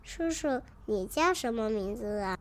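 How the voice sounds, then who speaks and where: A woman voicing a small crybaby baby dinosaur who is sweet and polite, speaking slowly like a child. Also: medium pitch, expressive, fairly bright tone. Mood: shy. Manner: slow, tearful childlike pleading.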